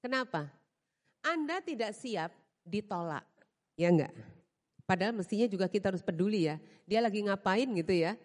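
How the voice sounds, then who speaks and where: A woman's voice: mid-range voice, lively intonation, normal speed, pauses often, darkish tone. A woman preacher, giving a humorous sermon in a church, telling stories and laughing often. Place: church with balcony. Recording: long reverb of a church hall.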